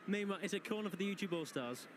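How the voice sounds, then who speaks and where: A man's voice: sits high, big pitch swings, brisk. A man giving comedic live football commentary, joking and quipping with puns. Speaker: match commentator. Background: clear outdoor ambient noise.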